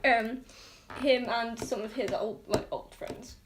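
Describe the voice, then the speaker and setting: A woman's voice: on the high side, steady tone, slow, crowd noise, low-quality recording. A woman in her late teens co-hosting a podcast, chatting casually, giggling and rambling. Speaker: podcast co-host. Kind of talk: casual chat.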